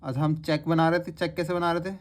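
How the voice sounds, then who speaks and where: A man teaching shorthand step by step, slowly drawing out words to show their sounds. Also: fairly high pitch, flat delivery. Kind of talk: step-by-step lesson.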